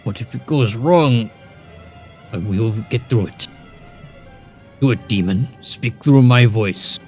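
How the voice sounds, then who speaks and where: A man's voice: medium pitch, slow, a little mellow, soft background music, lightly acted. Man doing a two-headed ogre arguing with itself. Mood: tense. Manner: heads bickering, calling each other brother.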